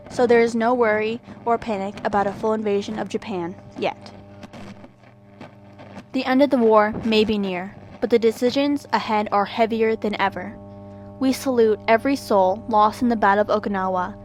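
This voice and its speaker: A woman's voice: a little high, natural voice. A woman playing a grave, formal 1940s wartime radio news anchor, reading a solemn scripted bulletin. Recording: noticeable background noise and hum.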